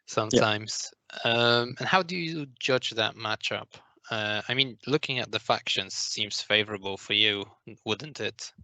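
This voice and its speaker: A male podcast host with a fairly low but bright, forceful voice asks his guest questions in a friendly, relaxed way. The sound is dry and close, with little room around it. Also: unhurried, no echo. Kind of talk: casual interview.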